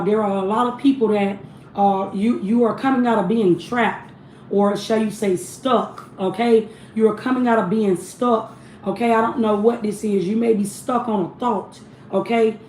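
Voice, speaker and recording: A woman's voice: a little high, darkish tone. A woman giving an intense spiritual message straight to her viewers, tagging nearly every phrase with "okay?". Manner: preachy, tags almost every phrase with "okay?". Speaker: spiritual channel reader. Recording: roomy echo with faint background noise.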